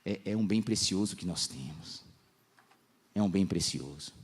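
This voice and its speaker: Young male pastor, lively slangy storytelling sermon, acts out voices. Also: low-pitched, normal speed, slightly rough. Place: church congress hall.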